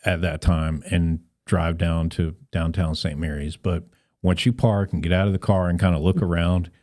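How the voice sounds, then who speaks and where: Low-pitched and a little mellow, this man talks at a normal speed with fairly even intonation. Appearing as a podcast guest from a civic club, he explains things in an earnest, conversational interview.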